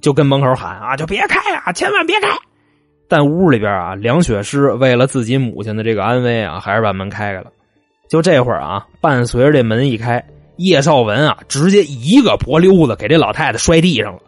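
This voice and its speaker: Male true-crime narrator, animated swooping delivery, chatty folksy asides, faint music under him. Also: mid-range voice, fairly quick, dry recording. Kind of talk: colloquial spoken crime storytelling.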